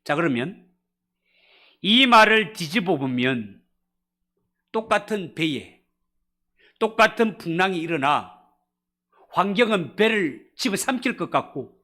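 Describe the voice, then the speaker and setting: Male pastor, fairly high bright voice, dramatic sermon delivery with big loud-soft swings. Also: animated, unhurried, long pauses. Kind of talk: expository sermon. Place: church evening service.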